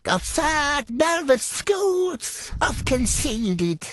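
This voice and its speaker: A British gamer commentates on his own football game play in a foul-mouthed, exasperated way, his voice run through a pitch-altering trickster filter. It comes out sing-song, extremely slow and a bit bright, in a dry, studio-quality recording.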